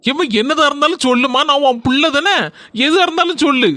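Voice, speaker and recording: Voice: high-pitched, quick pace, sharp tone, no echo, clean studio sound. A voice actor playing a harried village husband in a cartoon comedy, urgent and nagging. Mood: exasperated.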